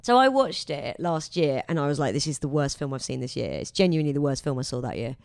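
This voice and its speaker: A woman co-hosting a relaxed podcast, her voice slightly low and swooping up and down with animation. She laughs easily and acts out little quotes. The sound is close and dry. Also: fast talker, gravelly, no echo. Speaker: podcast co-host. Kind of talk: casual chat.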